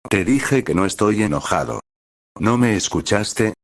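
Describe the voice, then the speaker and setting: A man's voice: fairly low pitch, animated, measured pace, no echo, studio quality. A man voicing a proud, irritable tigress wife who answers coldly and curtly, in a storybook reading. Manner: cold, curt, snapping.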